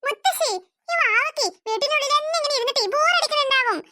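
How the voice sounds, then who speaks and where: A woman's voice: fast talker, sharp tone, soft background music. A woman voicing an eager, chatty little cartoon girl. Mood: pleading. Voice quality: high childish voice. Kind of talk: cartoon dubbing.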